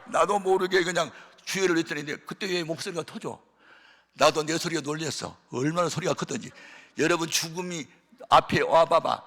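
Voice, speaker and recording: A man preaching as a pastor, telling a testimony sermon with dramatic storytelling, acting out voices and shouting at the peaks. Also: fairly high pitch, normal speed. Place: church hall of a prayer retreat. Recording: reverberant large hall.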